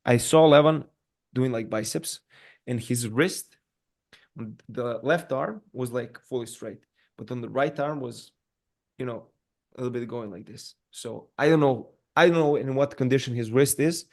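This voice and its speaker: A man hosting a casual podcast interview, halting and full of fillers and repeated words. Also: medium pitch.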